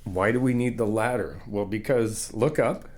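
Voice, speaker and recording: A man with a lowish voice, speaking at a moderate pace, plays a friend to the listener in ASMR. His manner is playful and encouraging, punctuated by laughter, as he calmly explains things in sequence.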